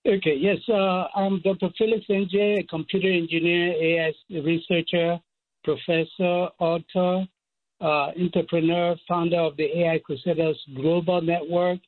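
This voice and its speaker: A man's voice: high voice, little pitch movement. Cameroonian man on a tinny phone line. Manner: measured, listing points. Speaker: guest expert. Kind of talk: phone-in interview.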